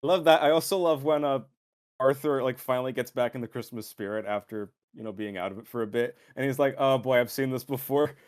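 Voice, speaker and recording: Man, mid-pitch voice, casual podcast chat, enthusiastic, quick to laugh. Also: clean tone. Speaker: podcast co-host. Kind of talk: casual movie discussion.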